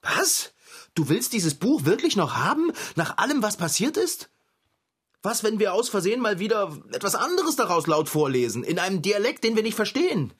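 A chatty, playful young girl, voiced by a woman in a children's audio drama, who jokes and giggles easily. Her breathy voice moves freely up and down in pitch. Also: big pitch swings, normal speed. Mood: alarmed.

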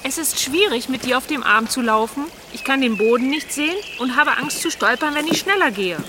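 A woman playing a brisk, quickly annoyed hiker. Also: high voice, background noise, close to an everyday voice. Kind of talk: children's radio play.

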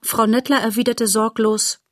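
A woman reading a children's novel aloud as narrator, in a steady, expressive storytelling manner. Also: fairly high pitch, moderate pace, no room sound, studio quality.

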